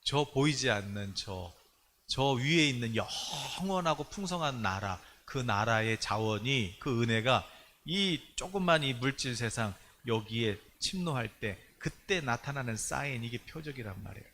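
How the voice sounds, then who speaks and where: Animated, bright-voiced male pastor preaching. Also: mid-range voice, unhurried, a little hiss or hum. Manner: animated, full of rhetorical questions, swings from loud to hushed. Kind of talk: sermon at a prayer meeting. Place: church, streamed online service.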